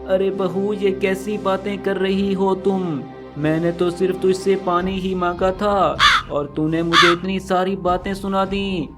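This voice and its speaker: A man's voice: sits high, flat delivery, unhurried, hardly any pauses, loud music behind the voice. A man voicing a frail old female crow, a mother-in-law who pleads in a plaintive way. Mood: pleading.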